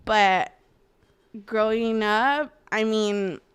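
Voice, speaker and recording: A woman's voice: medium pitch, drawn-out words, clean tone. A woman in her twenties talking earnestly and reflectively in an interview, often saying "like.". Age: 20s. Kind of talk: candid personal interview.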